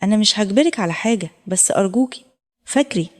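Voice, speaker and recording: A woman voicing a middle-aged husband who pleads softly and insistently with his wife and a young man. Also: medium pitch, lively intonation, fast, in a large hall, natural voice. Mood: pleading. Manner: soft, begging tone.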